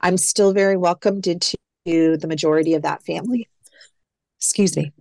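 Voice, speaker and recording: A woman's voice: lowish voice, fairly even intonation, normal speed, creaky, darkish tone, no echo. A woman who is an adoptee guest, reflectively telling her story in a casual interview and quoting past phone calls. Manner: reflective, retells phone calls with quoted dialogue.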